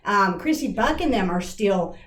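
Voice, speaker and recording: Matter of fact woman talking at a team meeting, mid pitch, echoey room, faint background noise. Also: lively intonation, moderate pace. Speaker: team member. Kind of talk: casual team meeting talk.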